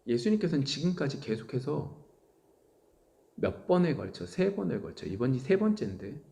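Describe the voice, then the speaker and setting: A middle-aged man preaching a sermon as pastor, swinging from loud exclaiming to hushed whispers. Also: medium pitch, very animated, normal speed, gravelly. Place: church sanctuary.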